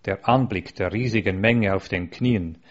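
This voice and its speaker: Male narrator, lowish voice, earnest measured reading of a devotional text, dull lo-fi recording. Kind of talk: reading a religious account aloud.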